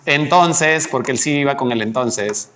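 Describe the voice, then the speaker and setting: A man's voice: medium pitch, moderate pace, a bit bright. A man tutoring a student through logic exercises, patient and coaxing, asking many questions. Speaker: math tutor. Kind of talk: teaching logic exercises one-on-one.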